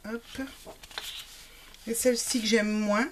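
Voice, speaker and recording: A woman's voice: fairly high pitch, level tone, takes it slowly, background noise. A woman chatting casually through a craft shopping haul, with frequent fillers. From Italian family background. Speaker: craft vlogger. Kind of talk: casual product haul chat.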